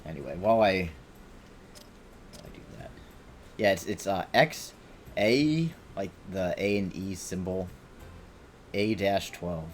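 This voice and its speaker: A man's voice: deep voice, unhurried, pauses often, a little hiss or hum. A man streaming a video game, rambling and swearing as he talks to himself and his viewers. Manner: rambling, profane, self-talking. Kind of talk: casual gameplay commentary.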